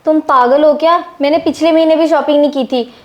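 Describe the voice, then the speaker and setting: An actress playing a spoiled young wife who talks in a sharp, bossy, complaining way. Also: female voice, sits high, fairly even intonation, brisk, highs cut off, close to an everyday voice. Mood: scornful. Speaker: daughter-in-law. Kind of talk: short film acting.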